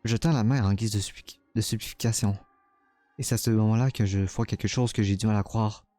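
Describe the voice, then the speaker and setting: A man's voice: fairly low pitch, fairly even intonation, brisk, dark tone, no echo, soft background music, natural voice. A man reading a game's first-person narration as a tormented young man, dramatic and stumbling over words now and then. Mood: anguished.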